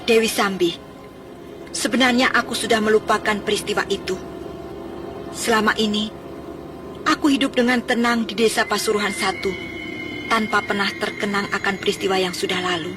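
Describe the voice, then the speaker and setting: A woman playing a calm, forgiving heroine in a radio drama, composed and conciliatory. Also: medium pitch, normal speed, pauses often, natural voice. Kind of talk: Indonesian radio drama acting. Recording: distant radio drama sound with music.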